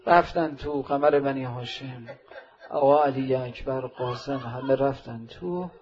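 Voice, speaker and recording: A man preaching an emotional religious sermon at a mourning ceremony, telling a story and swelling from quiet narration into loud, impassioned calls. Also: mid-range voice. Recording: dull lo-fi recording.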